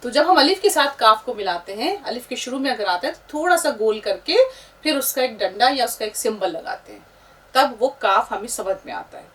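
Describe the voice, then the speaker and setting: A woman's voice: on the high side, expressive, a little fast, a bit bright, recorded from a distance, rough recording. A woman teaching a beginners' script lesson, explaining letter shapes patiently step by step. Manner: patient, explaining, pointing at letters as she writes. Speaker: Urdu teacher.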